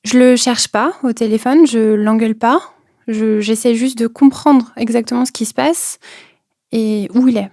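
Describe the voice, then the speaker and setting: A woman's voice: on the high side, steady tone, moderate pace, darkish tone, no echo, studio quality. A young woman recounting a personal experience, hesitant, with many fillers and repeated words, sometimes dropping to a near whisper. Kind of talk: personal testimony.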